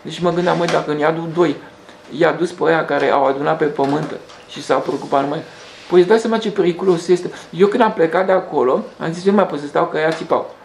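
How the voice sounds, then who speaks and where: Gravelly, slightly high and a little mellow, a host's voice carries a rambling spiritual monologue full of restarts and hesitations. Echo fills the room, and a faint hum lies beneath.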